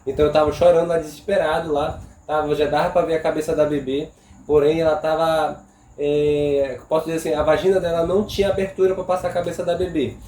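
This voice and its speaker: Mellow-voiced Brazilian man, hesitant. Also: fairly high pitch, little pitch movement, fast talker, roomy sound, slight background noise, low-quality recording. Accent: Brazilian Portuguese. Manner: hesitant, searches for words. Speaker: vlogger's partner. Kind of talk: casual chat.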